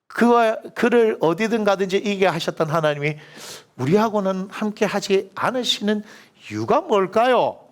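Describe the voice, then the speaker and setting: A middle-aged male pastor preaching a sermon, telling Bible stories in a lively colloquial way and asking the congregation rhetorical questions. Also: high voice, moderate pace. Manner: lively storytelling, acting out biblical figures in colloquial voices.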